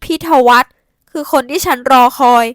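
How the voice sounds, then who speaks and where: A woman voicing a calm, dignified young woman who speaks softly, politely and steadily. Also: normal speed, no echo, clean studio sound, lightly acted. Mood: firm.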